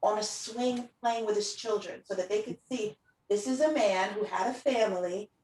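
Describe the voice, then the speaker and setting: In this casual conversational chat, the host, a middle-aged woman who teaches preschool, shares stories and acts out others' words. She speaks at normal speed in a mid-range, slightly mellow voice. There's roomy echo, as she's distant from the mic.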